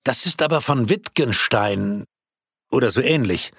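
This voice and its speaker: A man's voice: medium pitch, animated, measured pace, gravelly, fairly bright tone, husky, no room sound, studio quality, full character voice. A man voicing a puzzled, hesitant character who stumbles over his words in a read-aloud story. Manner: hesitant, with filler sounds. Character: puzzled man reading along, unsure, hesitant.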